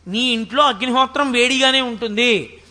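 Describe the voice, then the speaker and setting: A man with a very high, bright voice delivers a spiritual discourse in a large hall with a long, ringing reverb. He chants scripture verses slowly, then explains them in lively, conversational asides. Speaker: spiritual speaker.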